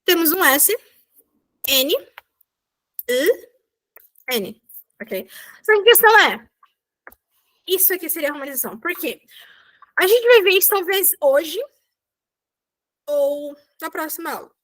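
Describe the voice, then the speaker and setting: A woman's voice: very high-pitched, big pitch swings, a little slow, long pauses, a bit bright. A young woman teaching a language lesson over a video call, chatty, checking in with her students every few sentences. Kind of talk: online class explanation.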